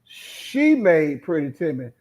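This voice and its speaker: A man's voice: on the high side, sing-song, slow pace, darkish tone. A man from North Carolina, a guest in a casual interview, telling stories in a boastful, humorous way. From North Carolina, United States. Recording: dull lo-fi audio.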